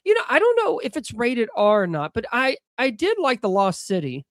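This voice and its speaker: A man's voice: extremely high pitch, wildly swooping pitch, fairly quick, fairly bright tone, no echo, studio quality. A man co-hosting a casual movie podcast, emphatic and chatty. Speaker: podcast co-host. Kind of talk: casual chat.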